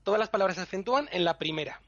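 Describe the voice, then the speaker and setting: With a high, expressive, rapid-fire voice, the language section guest explains language rules to a co-host patiently and like a teacher, often chuckling. This explanatory podcast chat comes through a dull lo-fi recording with faint music.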